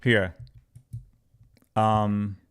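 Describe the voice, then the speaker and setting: A man's voice: fairly low pitch, flat delivery, very slow, clear, resonant tone. A man from Congo, a crypto trading educator, answering viewers' chat questions on a live stream with emphatic repetition and step-by-step chart talk.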